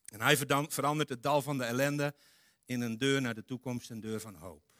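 A man preaching a lively sermon in a church. His voice is bright and forward, and the sound is close and dry with no room echo. He acts out quotes dramatically, swinging from loud to hushed. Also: mid-range voice, fairly quick.

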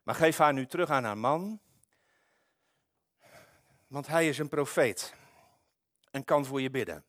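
A man reading aloud the words of God speaking in a dream, in a calm, measured and stern manner. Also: medium pitch, no echo, clean studio sound, natural voice.

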